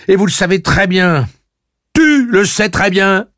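A man reading aloud voices a furious, defiant young woman who shouts her accusations in a shrill voice. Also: expressive, unhurried, no room sound, studio quality. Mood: raging.

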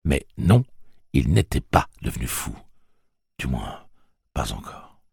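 A man narrating a novel aloud in a measured, dramatic storytelling manner. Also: a bass voice, sing-song, gravelly, a little mellow, breathy edge, dry recording, studio quality. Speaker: audiobook narrator.

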